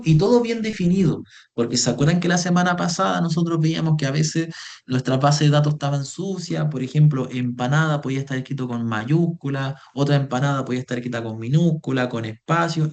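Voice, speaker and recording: A young man teaching an online spreadsheet class, patiently repeating himself as he explains. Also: a little high. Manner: patient, repeats phrases, calls students "chiquillos". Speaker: Excel workshop instructor.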